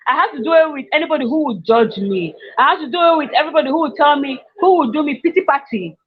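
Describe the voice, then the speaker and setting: A woman's voice: high-pitched, lively intonation, rapid-fire. A woman from Nigeria telling her personal story in casual conversation, emotional, laughing often and repeating herself. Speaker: guest sharing her story. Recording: muffled lo-fi sound.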